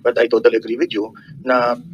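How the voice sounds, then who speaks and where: A man's voice: medium pitch, completely flat delivery, a little fast, dull audio, slight background noise. A man testifying as a medical expert at a hearing, explaining in a mix of English and Tagalog.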